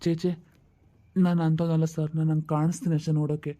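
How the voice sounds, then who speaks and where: A woman's voice: deep voice, level tone, quick pace, dark tone, lightly acted. A woman playing a young husband who consoles his wife and politely thanks an officer in a skit. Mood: earnest, polite. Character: young husband Arun, soothing and earnest. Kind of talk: comedy skit acting.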